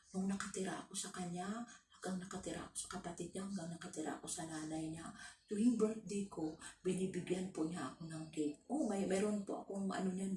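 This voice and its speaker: A woman's voice: on the low side, a little hiss or hum. A woman from the Philippines who works abroad as a domestic helper, telling her story casually with many restarts and fillers. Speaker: overseas domestic worker. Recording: roomy, from a distance.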